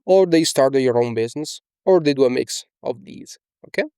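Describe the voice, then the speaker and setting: In a small indoor room, a young Italian coach with an Italian accent talks through a screen-share tutorial, casual and animated, sprinkling in fillers and "okay?". His mid-range voice is mellow, clear and resonant at a moderate pace, captured cleanly in the studio without room sound.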